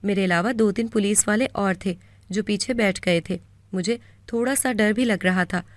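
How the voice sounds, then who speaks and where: A woman with a Pakistani Urdu accent narrating a first-person moral story in a steady, earnest way. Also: mid-range voice, no room sound.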